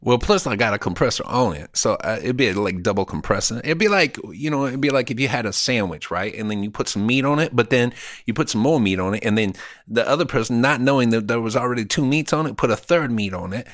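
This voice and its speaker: Animated male podcast host with vocal fry. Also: mid-range voice, fast talker. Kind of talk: casual comedic banter.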